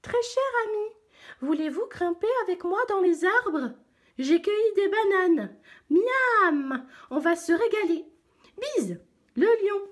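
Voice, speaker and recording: A woman voicing a cheeky monkey reading a silly letter in a storybook, in a squeaky sing-song voice. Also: expressive, slow, full character voice. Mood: playful. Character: cheeky chirpy monkey, male.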